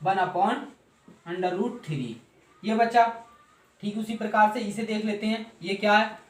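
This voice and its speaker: Working slowly through a trigonometry table in Hindi, this math teacher repeats each step and answers his own questions. His voice is high, and the classroom sounds echoey.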